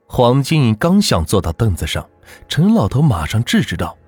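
A man narrating a folk ghost story as the channel's host, in a dramatic, lively storytelling manner. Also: medium pitch, moderate pace, breathy edge, no echo, soft background music.

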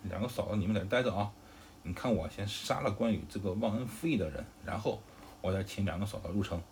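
A man voicing a hot-tempered male general who shouts blustering accusations in a storybook retelling. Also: lowish voice, fast, a little hiss or hum, lightly acted. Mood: angry.

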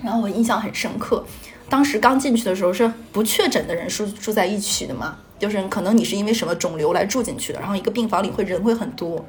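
A woman's voice: mid-range voice, fast, slight background noise. A young woman from Northeast China, telling a personal story in a rambling way and stringing thoughts together with "and then". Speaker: podcast storyteller.

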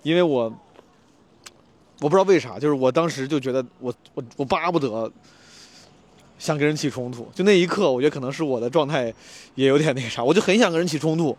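Fast-talking animated young man. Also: a little high. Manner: animated, stammering restarts, slangy. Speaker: stand-up comedian vlogger. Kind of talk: casual storytelling vlog.

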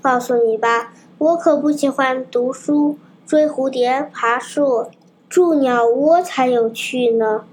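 A woman's voice: high voice, slow pace, slight background noise. A woman reading a storybook, voicing a naughty, rude wooden puppet boy who talks brashly. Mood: defiant. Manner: brash, shouting, cheeky.

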